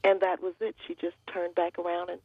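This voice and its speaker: Older woman guest, husky storyteller, dull lo-fi line. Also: fairly low pitch, brisk, no echo. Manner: storytelling, animated quoting.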